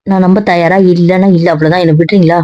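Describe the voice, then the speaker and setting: A young woman pleads and coaxes in a mid-pitched voice, repeating her words. The audio is dull and lo-fi with a dry, close sound. She plays the wife in a comic skit. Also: little pitch movement, fast talker, no room sound. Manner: pleading, coaxing, repeats herself.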